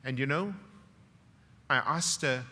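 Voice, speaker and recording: A middle-aged university professor with a South African English accent gives a graduation speech full of personal stories in a large hall. His mid-range voice moves slowly, swinging dramatically from loud, wry punchlines to hushed, emotional moments, with long reverb from the ceremony PA.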